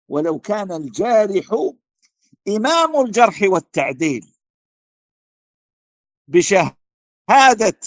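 A man's voice: sits high, no echo. A man answering a question as a religious scholar, emphatic and declaiming, with repeated rhetorical questions and stumbles on words. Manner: emphatic, rising to forceful declarations.

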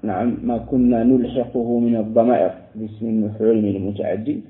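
A man teaching a grammar lesson to a class, explaining each step and repeating words slowly while he quizzes his students. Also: on the low side, level tone. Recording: echoey room over a phone-like line.

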